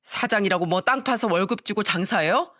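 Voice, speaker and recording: A woman's voice: medium pitch, fairly quick, a bit bright, no echo, natural voice. Woman playing sulky young husband, defensive, argues back, dry sound. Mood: defensive arguing. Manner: defensive, pleading then arguing.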